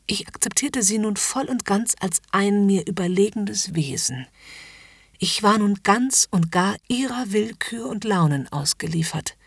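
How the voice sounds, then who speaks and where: A woman narrating a story in the first person in a soft, hushed, whispered role-play. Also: on the low side, husky, dry recording, clean studio sound.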